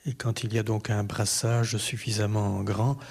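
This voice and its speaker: A man who is a bishop, answering a radio interview thoughtfully with pauses. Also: lowish voice, level tone, gravelly, a little mellow, breathy edge. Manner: thoughtful, pausing.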